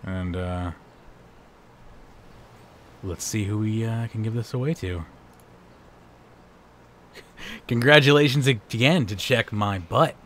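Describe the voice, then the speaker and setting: Hoarse, low-voiced male streamer. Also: takes it slowly, long pauses, fairly bright tone, a little hiss or hum. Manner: rambling, laid-back. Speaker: livestream host. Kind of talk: casual stream sign-off chat.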